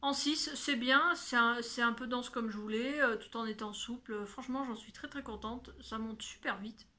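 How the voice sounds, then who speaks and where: A woman hosting a knitting video podcast speaks at normal speed in a high, sharp-toned voice. She chats casually to the camera, often correcting herself while showing her knitting and yarn.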